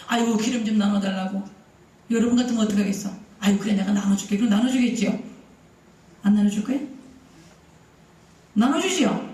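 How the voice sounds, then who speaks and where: A woman pastor delivers a sermon in a conversational, lively way, asking the congregation questions and acting out voices, sometimes raising to a shout. She is recorded from far off, and her voice rings through a large, strongly echoing church hall. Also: mid-range voice. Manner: acts out quoted speech, at times shouting. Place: church sanctuary.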